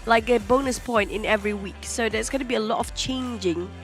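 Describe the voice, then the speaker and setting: A woman's voice: a little high, brisk, faint music behind. Nasal-sounding woman esports caster. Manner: chatty, with restarts and fillers. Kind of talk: esports desk analysis.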